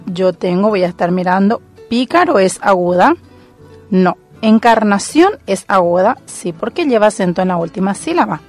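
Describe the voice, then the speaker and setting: A woman's voice: medium pitch, darkish tone. A woman teacher working methodically through exercises, thinking aloud as she goes. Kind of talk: recorded classroom lesson.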